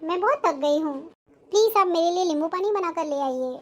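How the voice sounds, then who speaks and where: An actress playing a lazy, sly young sister-in-law who sweet-talks and makes excuses, in a family drama. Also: female voice, very high voice, expressive, brisk. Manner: sweet-talking, making excuses. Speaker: actor.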